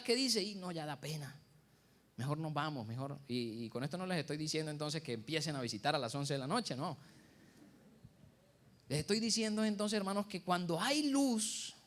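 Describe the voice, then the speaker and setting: A man's voice: high-pitched, fairly bright tone. A middle-aged Colombian man, a pastor giving a Sunday school sermon full of rhetorical questions.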